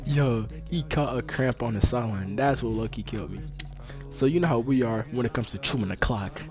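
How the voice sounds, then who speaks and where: A young man giving casual, slangy, excitable commentary on his old game footage. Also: mid-range voice, a little fast, over music. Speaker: vlogger.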